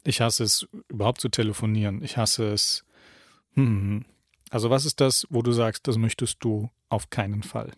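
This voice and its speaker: A man giving a reflective self-help talk, calmly putting questions straight to the listener. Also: lowish voice, normal speed, dry recording, clean studio sound. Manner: calm, addresses the listener directly with questions.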